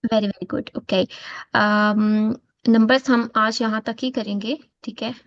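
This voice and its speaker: Slow, patient woman teaching a class. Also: on the high side, fairly even intonation. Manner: slow, patient, spells out each word. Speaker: Italian teacher. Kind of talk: online class lesson. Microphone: video call. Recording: dull lo-fi video call audio.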